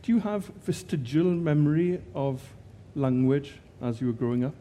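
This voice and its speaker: A man's voice: a little high, expressive, moderate pace, dark tone. A man interviewing a poet, asking questions with a hesitant, filler-heavy delivery.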